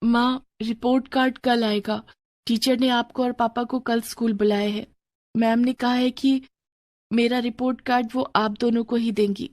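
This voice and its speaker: A woman's voice: on the high side, little pitch movement, moderate pace, darkish tone, no room sound, clean studio sound, natural voice. A woman voicing a shy, timid schoolgirl who speaks hesitantly.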